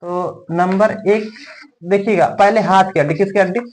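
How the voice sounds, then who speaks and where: A man's voice: high voice, fairly even intonation, moderate pace, a little hiss or hum. A male coaching teacher drilling a class with call and response, strict and scolding as he makes the students repeat. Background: class of children answering in chorus.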